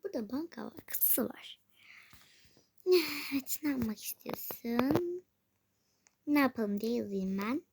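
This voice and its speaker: Soft-whispering woman chatting through a game. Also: high voice, lively intonation, slow, vocal fry, long pauses, a little hiss or hum. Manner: talks to herself, often drops to a whisper. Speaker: gaming video creator. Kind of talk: casual gameplay commentary.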